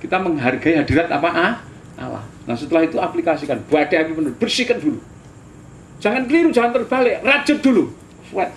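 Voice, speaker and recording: A man's voice: fairly high pitch, animated, quick pace, a little hiss or hum. An older man with a Javanese accent, teaching a sermon-style lecture as a pastor, telling stories animatedly with asides and chuckles. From Indonesia.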